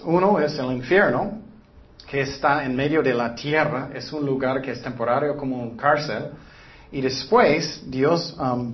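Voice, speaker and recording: A man preaching a sermon in an earnest way, often putting rhetorical questions to the listeners. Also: mid-range voice. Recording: dull lo-fi recording.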